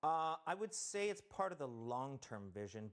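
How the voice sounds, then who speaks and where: A man's voice: medium pitch, sing-song, normal speed, a bit bright. A man from Canada, a game developer guest on a talk show, explaining technical systems in detail and thinking aloud as he goes.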